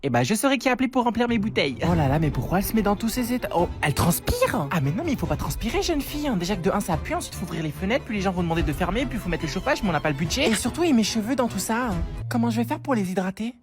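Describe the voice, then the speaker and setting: Sketch actress, panicky and dramatic, very fast, lively pitch. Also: female voice, over music. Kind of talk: comedic sketch inner monologue.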